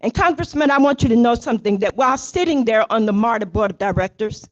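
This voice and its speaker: A woman's voice: fairly high pitch, lively intonation, quick pace. An older woman accepting an award, speaking off the cuff with emotion and building to rousing emphasis. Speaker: award honoree giving acceptance speech. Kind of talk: heartfelt acceptance speech. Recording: dull, muffled recording.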